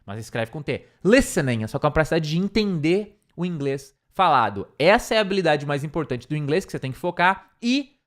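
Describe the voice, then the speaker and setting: A man's voice: fairly high pitch, very animated, brisk, few pauses. A man teaching an online English lesson, stressing and repeating key points and checking in with "tá?".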